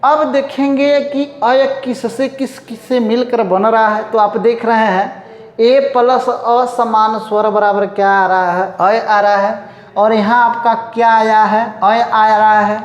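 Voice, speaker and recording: Slow, echoey Hindi grammar teacher, male. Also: sits high, fairly even intonation, dull audio. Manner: repeats rhetorical questions to students. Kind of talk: whiteboard lesson. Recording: echoey room.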